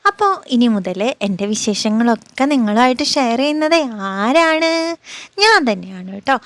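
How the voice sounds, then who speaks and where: A woman's voice: fairly high pitch, no echo, close to an everyday voice. A woman from Kerala speaking as a cheerful little boy who tells his own story in a chatty, coaxing vlog narration. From Kerala, India. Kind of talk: first-person vlog narration as her child.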